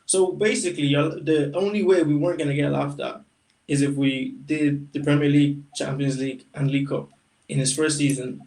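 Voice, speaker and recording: A man's voice: fairly high pitch, steady tone, brisk, a little mellow, far from the mic, poor audio. A man co-hosting a casual football podcast, arguing directly with casual slang. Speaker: podcast co-host, Liverpool fan.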